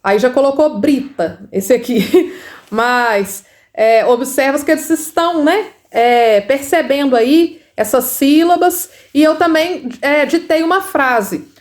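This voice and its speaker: Woman, Brazilian Portuguese accent, high voice, literacy teacher, casual lesson, tag questions, slow sounded-out syllables. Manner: chatty, fillers, frequent tag questions, sounding out syllables slowly. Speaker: first-grade literacy teacher. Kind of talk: casual explanatory lesson video.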